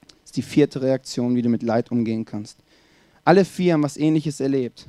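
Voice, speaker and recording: A man's voice: medium pitch, fairly quick, dark tone, dry recording. A man preaching a sermon, speaking emphatically and addressing the listener directly with rhetorical questions.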